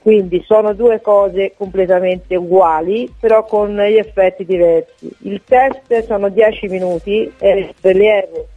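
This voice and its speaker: A woman calling in to a radio interview on a poor-quality phone line while on duty, talking haltingly with many fillers and restarts. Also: mid-range voice, steady tone, faint music behind. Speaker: volunteer association head, phone-in guest.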